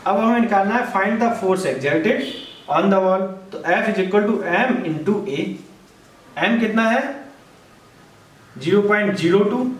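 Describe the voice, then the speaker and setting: Man, physics teacher, high-pitched, repeats his own questions, drawn-out reading of problems, roomy echo. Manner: asks questions and answers them himself, repeats key steps; reads problem text slowly and word by word. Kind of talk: board lesson. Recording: echoey room, somewhat far from mic.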